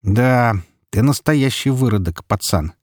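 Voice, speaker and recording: A man voicing a hardened, cold warrior with a deep bass voice who growls curt orders in a spoken story. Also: lively intonation, measured pace, no echo, clean studio sound, natural voice. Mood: barking.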